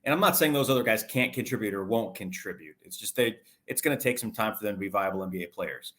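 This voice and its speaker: A fast-talking, expressive man with a lowish, somewhat bright voice discusses sports as an interview guest. His analysis is conversational and talkative, full of lengthy, detailed explanation.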